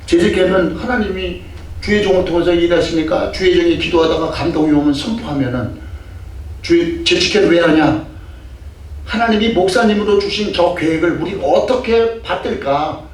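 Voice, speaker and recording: An older man preaching a sermon as a pastor, emphatic and full of rhetorical questions, sometimes acting out scolding. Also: high voice. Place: church sanctuary. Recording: echoey distant church mic with faint noise.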